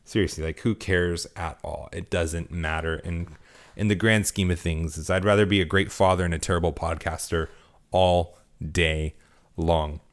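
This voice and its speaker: A man's voice: low voice, steady tone, normal speed. A tired man hosting his own podcast, talking casually and rising into emphatic rhetorical questions. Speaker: podcast host. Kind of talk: casual political commentary.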